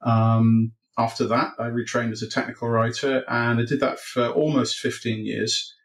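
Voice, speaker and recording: A developer advocate from Wales, middle-aged, is interviewed over a video call from his home office, bookshelves around him. Heard through his webcam, his mid-range voice stays level at a moderate pace, though he stumbles with plenty of ums and false starts.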